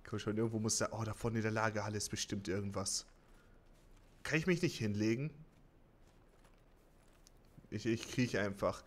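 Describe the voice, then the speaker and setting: A man commenting on his own online gameplay live, muttering quietly at times and breaking into panicked shouting and swearing, with self-mocking jokes. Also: fairly low pitch. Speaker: streamer.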